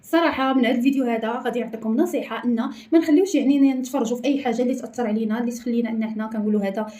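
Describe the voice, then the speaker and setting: A woman's voice: fairly high pitch, dark tone. A woman with a Moroccan accent, earnestly addressing her viewers at the end of a video. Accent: Moroccan Arabic. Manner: earnest, rapid. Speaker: content creator.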